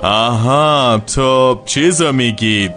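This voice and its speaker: A man's voice: medium pitch, over music, natural voice. An actor playing a friendly, joking young man in a dubbed TV drama. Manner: friendly, joking, laughs often. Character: cheerful easygoing young man, polite.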